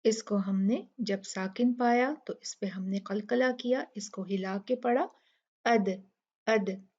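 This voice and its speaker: A woman's voice: mid-range voice, measured pace, a little mellow, dull audio. A woman teaching Quran recitation rules, patiently explaining each word and demonstrating it aloud. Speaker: tajweed teacher. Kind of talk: step-by-step recitation lesson.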